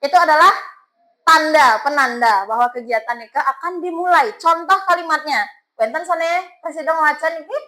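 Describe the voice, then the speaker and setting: A woman's voice: sits high, normal speed, bright, forceful tone, rough recording. A woman teacher with a Balinese accent, coaxing her students with questions as she teaches a class.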